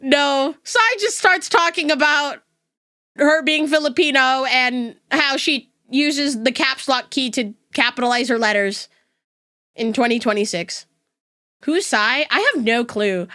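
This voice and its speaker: This VTuber streamer from the West Coast of the United States has a neutral accent and a high, bright voice, speaking a little slowly with a forceful tone. The young woman chats casually with her viewers and laughs a lot.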